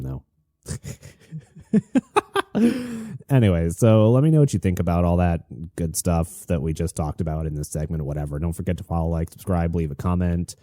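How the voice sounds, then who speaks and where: Very dark, low-voiced man, talking casually. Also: no room sound, studio quality. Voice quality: slightly stuffy. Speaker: host of a solo online show. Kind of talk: casual, confessional monologue.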